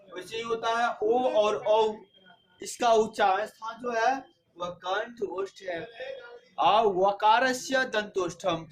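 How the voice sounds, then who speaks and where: A man's voice: on the high side, a bit bright. A man teaching a grammar lesson, patiently spelling out letters one by one and stressing what to memorise for exams. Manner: patient, repeats letters slowly and drills points for exams. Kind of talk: Hindi grammar lesson for exam students.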